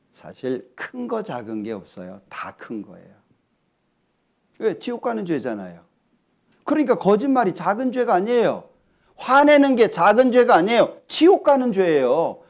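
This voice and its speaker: Guy preaching a sermon, high voice that jumps all over, keeps asking the crowd stuff. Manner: lively, asks the congregation questions. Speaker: pastor. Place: church hall.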